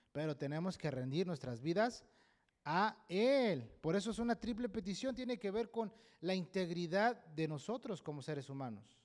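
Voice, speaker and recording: A man's voice: high-pitched, a little mellow. A man preaching a sermon at a church service, emphatic and often checking in with a questioning "right?". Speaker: pastor.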